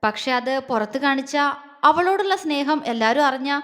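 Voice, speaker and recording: Woman playing a gentle affectionate young man, high pitch, reverberant sound, audio romance story. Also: lively intonation, normal speed. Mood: tender. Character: tender young man confessing his love. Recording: long reverb.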